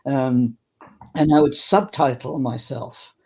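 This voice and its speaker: An older man speaks as an interview guest, recalling his past in a loose, rambling flow. He often stops mid-thought and restarts his sentences. His voice sits at an ordinary pitch. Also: steady tone, vocal fry, a little mellow, husky. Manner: rambling, halting, many restarts. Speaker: interview guest, clown performer. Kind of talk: reminiscing interview talk.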